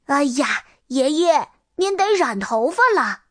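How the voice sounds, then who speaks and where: A woman's voice: high-pitched, very animated, slow, no room sound, studio quality, heavily acted. A woman voicing a cheerful, caring little girl in a storybook reading. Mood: chirpy. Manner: sweet, coaxing, chirpy.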